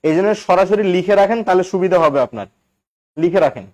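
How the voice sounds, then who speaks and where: A man's voice: high-pitched, animated, fast, darkish tone, highs cut off. A man teaching English grammar in a live online class, chatty and quizzing his students with constant questions.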